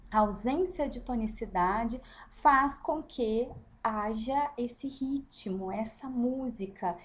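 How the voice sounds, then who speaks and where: A Brazilian woman teaching a literature lesson with a fairly high voice that moves all over the place. She speaks slowly and patiently, tosses out rhetorical questions, and keeps checking that her students follow. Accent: Brazilian Portuguese. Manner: explanatory, with frequent rhetorical questions and "né?" check-ins. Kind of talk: recorded lesson on poetry.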